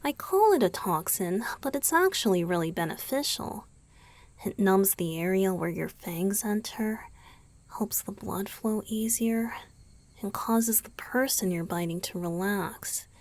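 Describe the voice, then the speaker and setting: In an intimate ASMR roleplay addressed one-sidedly to the listener, a woman voices a gentle, teasing male vampire boyfriend, speaking softly and patiently and often dropping toward a whisper. Her mid-range voice is captured on a close, dry microphone with no echo. She explains things patiently, punctuated by small chuckles.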